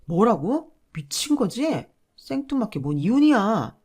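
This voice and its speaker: A woman's voice: medium pitch, very animated, a little slow, a little mellow, slightly rough, pitched above the performer's own voice. A woman voicing a selfish adult husband who talks in a dismissive, blaming way. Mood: angry.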